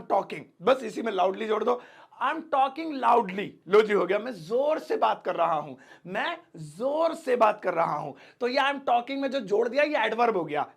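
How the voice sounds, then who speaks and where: A young man teaches English grammar, playful and full of little jokes. His voice sits high for a man and carries a gravelly, rough texture. He slows right down to stretch out each example word for the listener. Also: fairly bright tone. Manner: joking, playful, drawn-out example words. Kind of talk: casual video lesson.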